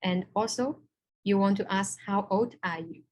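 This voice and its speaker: A woman's voice: medium pitch, moderate pace, a little mellow, dull audio. A woman teaching a beginner language lesson, patiently explaining step by step and repeating each example phrase.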